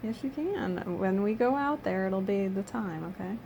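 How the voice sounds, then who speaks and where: Creaky-voiced middle-aged woman, reassuring. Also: mid-range voice, animated, normal speed, dark tone, slight background noise, poor audio. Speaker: caregiver. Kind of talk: casual chat.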